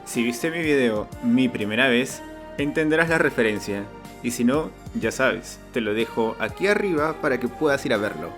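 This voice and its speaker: Over background music, a young adult man narrates his own life story from a script, earnest and confessional, with acted dialogue. His medium-pitched voice is animated and moves at a normal speed; he is a storyteller who hosts a channel.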